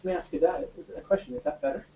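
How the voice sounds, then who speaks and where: A man's voice: high voice, rapid-fire, creaky, husky, highs cut off. A man hosting a live webinar, checking his audio on a distant room microphone that gives his voice a cavelike echo. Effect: cavelike echo from a distant room mic. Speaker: event host. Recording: thin, distant, echoey room mic.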